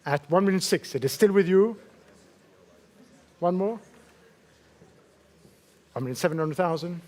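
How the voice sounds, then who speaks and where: A male fine art auctioneer with a high-pitched voice calls a live sale. He repeats the figures in short phrases and courteously nudges bidders with brief questions. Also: unhurried, darkish tone. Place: auction saleroom in London.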